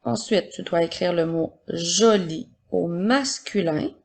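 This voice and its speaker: A woman teacher with a husky, slightly gravelly voice reads words aloud at an unhurried pace for a children's dictation. She explains each step with patience, as if to first graders. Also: lowish voice, darkish tone. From Quebec, Canada. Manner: slow, patient, explaining step by step to young pupils. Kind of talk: recorded spelling and dictation lesson for children.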